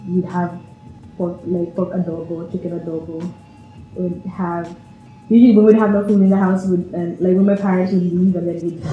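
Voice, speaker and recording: This fairly low female voice, with its highs cut off, comes from a chatty woman in her twenties from Vienna, Austria. She laughs often and giggles her way through a personal interview, recorded with roomy echo and faint background music.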